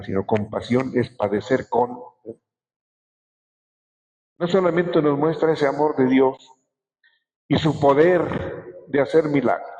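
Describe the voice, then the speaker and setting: Bishop preaching in an echoey church. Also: male voice, medium pitch, darkish tone. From Mexico. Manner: slow, emphatic preaching with drawn-out words. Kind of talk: sermon.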